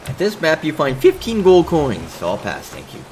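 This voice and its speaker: A man's voice: fairly high pitch, huge pitch swings, normal speed, darkish tone, a little hiss or hum, low-quality recording. A man hosting a game stream, chatting casually and cracking jokes, with the odd swear. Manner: laid-back, joking, swears casually. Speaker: streamer host. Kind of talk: casual gameplay chat.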